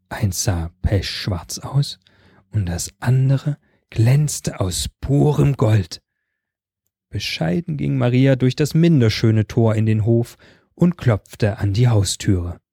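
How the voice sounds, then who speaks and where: A man reading a fairy tale aloud in a calm, measured storytelling voice. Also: medium pitch, slightly rough, dry recording, studio quality.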